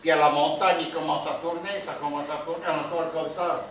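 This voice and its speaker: A man's voice: on the high side, fairly even intonation, brisk, a bit bright. A man telling jokes on stage, chatty, sprinkling his lines with "hein". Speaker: joke teller. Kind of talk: live stand-up storytelling. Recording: echoey hall, voice from far off.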